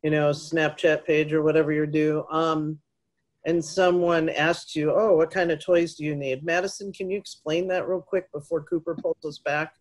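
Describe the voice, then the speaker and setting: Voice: mid-range voice, level tone, moderate pace. An adult organizer speaking casually and encouragingly to a meeting group. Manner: easygoing, encouraging, conversational.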